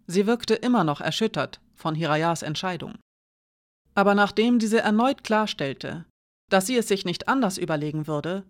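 An audiobook narrator reading a fantasy novel in an even, measured storytelling voice. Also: medium pitch.

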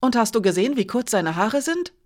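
A woman's voice: fairly high pitch, big pitch swings, a little fast, pitched above the performer's own voice. A woman voicing an angry young man who talks in a heated, accusing way in an audiobook.

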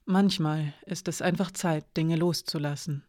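A calm, self-assured woman speaks in an audiobook, as its reader puts her on. She talks quietly and steadily. Her voice is mid-pitched and recorded close and dry. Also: a little slow, dry recording, close to an everyday voice. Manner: calm and soft-spoken. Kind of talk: audiobook character reading.

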